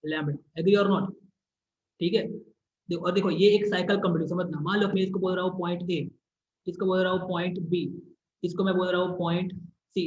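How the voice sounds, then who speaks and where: A man with a high voice teaches a science class, drilling each term by repeating it and asking again and again whether his students understand. The sound is roomy and echoing, and the recording is a little dull and muffled. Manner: repetitive, keeps checking if students follow; draws on a board while explaining. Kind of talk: classroom physics lesson. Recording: echoey room, slightly dull recording.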